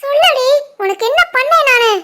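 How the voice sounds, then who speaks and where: This is a heavily acted performance: a woman voicing a furious village mother-in-law of middle age in an animated family drama. At normal speed, she scolds in a shrill tone with a Tirunelveli Tamil accent.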